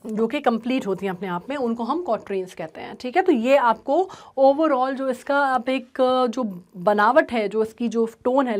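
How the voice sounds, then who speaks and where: Woman teacher with a high voice, explains a poem step by step and keeps checking in with her students. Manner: repeats "ठीक है" often, mixes English terms into Hindi.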